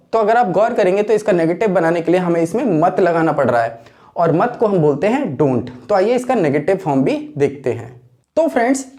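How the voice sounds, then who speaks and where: A man teaching an English grammar lesson, who keeps asking rhetorical questions and slows right down to spell out each example sentence. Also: high voice, a little mellow.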